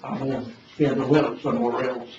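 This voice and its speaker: A man's voice: mid-range voice, little pitch movement, a little fast, a little mellow, far from the mic. A man of about eighty giving informal remarks of thanks as a retiring official. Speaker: retiring county tourism director. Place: public board meeting room. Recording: echoey room, dull, faint noise.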